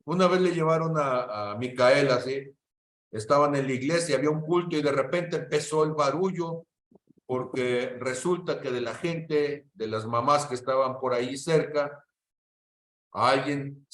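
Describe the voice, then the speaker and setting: A man's voice: medium pitch, a little slow, fairly bright tone, reverberant. A middle-aged man teaches a church class. He tells stories with animation and keeps checking in with his listeners.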